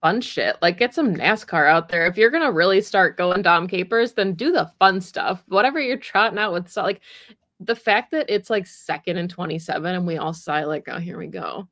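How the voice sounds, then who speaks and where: A woman's voice: on the low side, lively intonation, moderate pace, fairly bright tone, dry recording, studio quality. A young woman co-hosting a sports podcast, talking casually with lots of "like" fillers. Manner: conversational, frequent "like" fillers. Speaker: podcast co-host.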